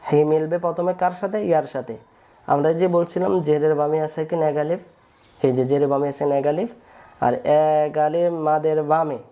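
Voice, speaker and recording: A man's voice: a little high, warm tone. A man teaching Quran reading, patiently spelling out letters and drawing out long vowels, repeating each step. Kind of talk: slow step-by-step recitation lesson.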